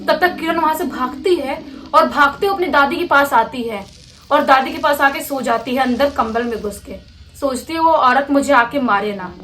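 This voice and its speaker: A woman's voice: high voice, fairly bright tone, slight background noise. A woman telling a true horror story in a casual, conversational way, acting out moments as she goes. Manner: conversational, gestures with words like "like this".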